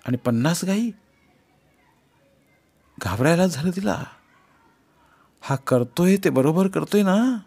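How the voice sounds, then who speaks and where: A man narrating a short story in a measured, expressive reading style. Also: fairly high pitch. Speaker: audiobook narrator.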